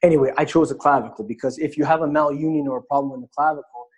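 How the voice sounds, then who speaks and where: A man's voice: a little high, steady tone, very fast, a little mellow, husky. A man teaching a live webinar in a conversational way, demonstrating on an anatomy model as he explains. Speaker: webinar instructor.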